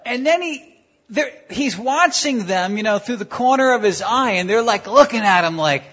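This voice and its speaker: A preacher giving a sermon in English, pausing for an interpreter, acting out the story with animated voices. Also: medium pitch, dull audio. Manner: animated, acts out the story with stutters and shouts.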